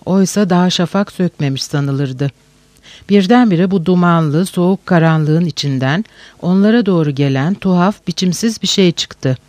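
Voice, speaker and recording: High-voiced male audiobook narrator. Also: darkish tone, dry recording. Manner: slow, measured storytelling. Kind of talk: scripted narration of a novel.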